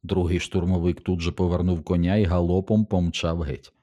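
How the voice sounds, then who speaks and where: A man narrating an audiobook in a calm, measured reading. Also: low-pitched. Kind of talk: scripted narration.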